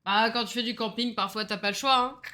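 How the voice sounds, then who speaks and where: Bright-voiced rambling woman streamer. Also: a little high, moderate pace. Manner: rambling and self-mocking, laughs often, swears casually. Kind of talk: casual gaming livestream chat.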